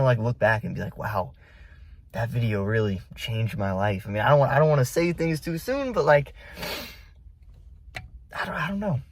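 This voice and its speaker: A man's voice: on the low side, darkish tone, husky. A man chatting casually to his phone camera as an amateur vlogger.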